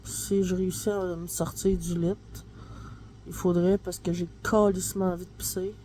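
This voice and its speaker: Chatty Québécoise mom vlogging at home. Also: female voice, fairly low pitch, level tone, normal speed, warm tone, slight background noise. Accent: Québécois French. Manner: chatty, rambling, full of fillers like "là" and "tu sais". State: stuffy nose, talking through the nose. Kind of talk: casual home vlog chat. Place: at home, kitchen then in bed. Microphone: handheld phone camera, no tripod.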